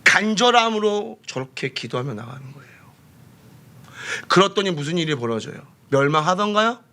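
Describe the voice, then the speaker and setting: A man preaching a sermon as pastor, fervent, swinging between loud exclamations and hushed asides. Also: high voice, sing-song, normal speed. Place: church sanctuary.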